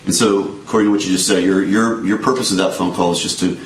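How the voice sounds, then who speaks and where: A man questioning a witness in court, asking measured, leading questions. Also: low-pitched, fairly even intonation, slight background noise. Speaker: attorney. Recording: echoey courtroom audio from a distant mic.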